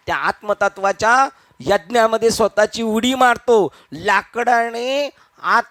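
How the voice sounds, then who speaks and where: Animated high-voiced preacher. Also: male voice, no echo. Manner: animated, acting out quoted voices, rhetorical questions. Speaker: kirtan preacher. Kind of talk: devotional discourse.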